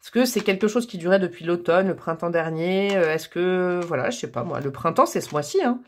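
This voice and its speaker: A woman's voice: lowish voice, animated, brisk, slight background noise. A woman giving a casual tarot reading, talking to her viewers in a chatty, playful way. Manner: chatty and playful, joking and laughing at herself; talks straight to viewers, coaxing and encouraging. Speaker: tarot card reader.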